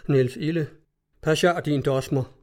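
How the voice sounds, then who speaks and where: A man's voice: a little high, a little mellow, close to an everyday voice. A man voicing an irate male customs-cutter captain who curses and barks orders, in a read-aloud story. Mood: shouting orders. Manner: gruff, cursing, barking orders.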